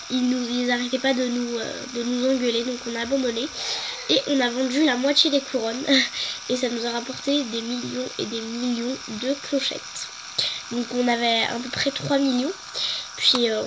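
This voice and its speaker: A gaming video host, young and congested with a cold, chats her way through a casual game walkthrough with lots of hesitation and filler. Her pitch is fairly high, and background noise runs through the recording.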